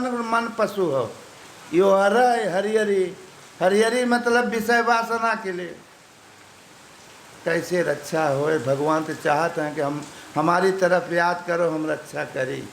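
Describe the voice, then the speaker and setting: A high-voiced man with an eastern Uttar Pradesh Hindi accent delivers an unhurried devotional sermon. His talk is folksy, built on proverbs and everyday examples. The recording is echoey, with a faint hiss underneath. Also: fairly bright tone. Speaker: spiritual teacher. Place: ashram gathering.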